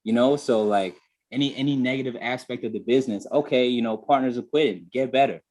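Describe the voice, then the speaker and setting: A man's voice: medium pitch, quick pace, a little mellow. Guy on a video call getting real about his story, lots of "you know". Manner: reflective, candid, many "you know" fillers. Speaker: guest. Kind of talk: candid personal story on a call.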